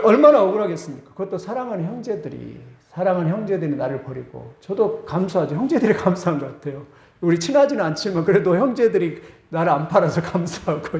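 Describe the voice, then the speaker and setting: A male pastor preaching a sermon, retelling a story with animated emphasis and repeated phrases. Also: high-pitched, vocal fry, reverberant.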